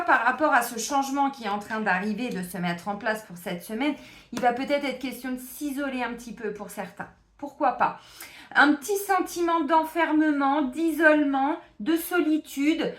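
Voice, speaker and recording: A tarot reader who is also a therapist does a casual weekly card reading, chatting straight to her viewers with lots of fillers. Her voice is a little high and fairly bright, and the recording is reverberant.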